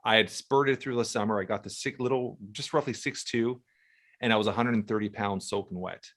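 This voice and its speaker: A man's voice: on the low side, fairly quick, fairly bright tone. A man in his forties hosting an interview podcast, asking eager questions and often repeating words as he starts. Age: 40s. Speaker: podcast host. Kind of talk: casual interview chat.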